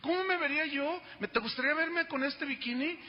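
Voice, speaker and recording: A preacher putting on a cooing, sing-song young man, gushing and showy, pitched well above his own speaking voice. The sound is dull and rings with a long hall echo. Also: fairly quick, a little hiss or hum.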